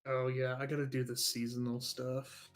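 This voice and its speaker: A man's voice: mid-range voice, monotone, moderate pace. A man chatting casually over a voice call while playing a game, giving joking, offhand commentary on his play. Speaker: friend on voice chat, playing a game.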